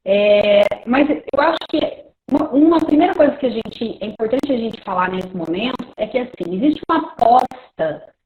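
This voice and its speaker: A woman's voice: fairly high pitch, expressive, moderate pace. A woman professor explaining a prepared outline over a video call, hesitant with many fillers and restarts, her audio choppy and cutting out. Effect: choppy, cutting-out internet call audio. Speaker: professor giving a talk in a webinar. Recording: tinny, echoey, glitchy call line.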